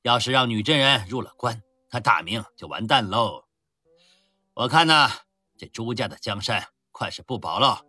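Man doing a boastful general, loud, scornful, husky, swoops up and down. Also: mid-range voice, expressive, moderate pace, no echo, full character voice. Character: boastful hard-drinking male Ming general.

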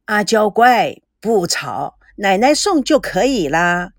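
A woman voicing a gentle, fussing elderly grandmother. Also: medium pitch, big pitch swings, slow pace, no room sound, studio quality. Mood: doting gentle.

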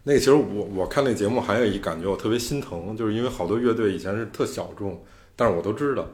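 Man, podcast host, casual chat, rather low voice, explaining music in a loose way. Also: fast, a little mellow. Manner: loose, explanatory talk about music theory.

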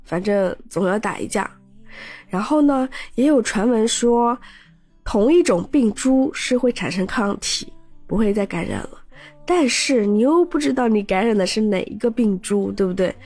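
A woman hosts a personal podcast in a casual, caring way. Her voice is husky and fry-laden, shaky and cracking as her throat recovers. Faint music plays underneath. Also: mid-range voice, lively intonation, moderate pace, darkish tone. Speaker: podcast host. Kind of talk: casual personal chat to listeners.

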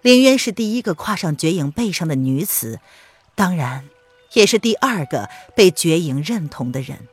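A woman narrating an audiobook in an expressive storytelling read. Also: deep voice, normal speed, husky, soft background music.

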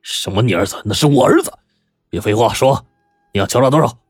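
A man's voice: sits low, moderate pace, a little mellow, breathy edge, no room sound, clean studio sound. A male storyteller voicing a cornered middle-aged mine boss who speaks in a clipped, angry way. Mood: furious.

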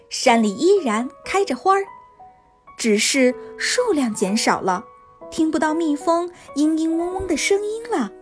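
Woman, children's storyteller, high-pitched, very animated intonation, scripted narration, soft music behind. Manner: expressive storytelling for young children.

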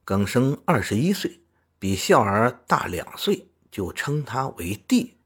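A male storyteller reads a classical tale in a very husky, breathy voice. He speaks slowly and deliberately, with a lively, wide-ranging pitch that gives the narration color. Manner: measured, expressive classical-tale reading.

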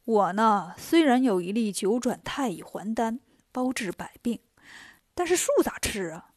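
A weary old male immortal lord, played by a woman narrator in a children's storybook. He speaks low, sighing, half in a whisper. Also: expressive, measured pace, a little mellow, no room sound, clean studio sound.

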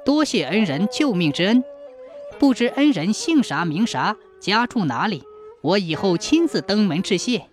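Narrator doing a gruff old stonemason father. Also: medium pitch, big pitch swings, moderate pace, soft background music, natural voice. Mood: grateful. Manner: curt, indignant.

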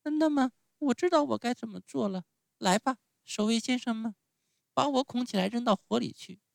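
A man voicing a small wooden puppet boy who pleads and then speaks up bravely, in a thin, high voice. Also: normal speed, creaky, no echo, studio quality.

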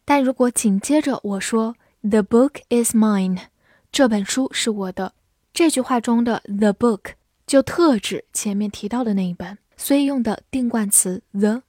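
Slow, careful woman teaching English. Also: a little high, dark tone, dry recording, studio quality. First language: Chinese. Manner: slow, careful word-by-word reading of examples. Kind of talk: scripted English lesson.

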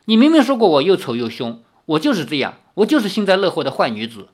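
A reader voicing a proud, sharp-tongued young swordswoman in an audiobook of a novel, mocking and quick to take offense. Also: medium pitch, sing-song, breathy edge. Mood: indignant. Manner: quick-tempered, mocking and sulky. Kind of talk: audiobook reading.

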